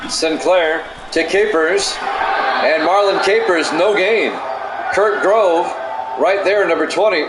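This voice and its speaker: Middle-aged male announcer with a somewhat high voice, calling plays in an even, matter-of-fact way; echoey, noisy home recording. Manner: measured, matter-of-fact play calling with casual asides. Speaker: play-by-play announcer and stream host. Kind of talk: simulated football play-by-play commentary. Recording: echoey room with steady background noise.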